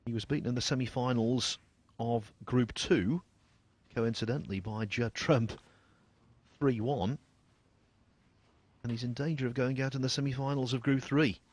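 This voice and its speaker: Hushed, slightly husky male snooker commentator. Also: medium pitch, fairly even intonation. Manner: measured, understated.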